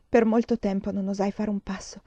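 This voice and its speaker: A woman reads a first-person novel aloud with dramatic expression, her voice climbing in the tense passages. Her tone is mellow and dark, close and dry, and the recording is a little dull. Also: level tone, a little fast, no room sound. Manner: dramatic, rising in pitch at tense moments. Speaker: reader of a novel. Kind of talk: expressive audiobook reading.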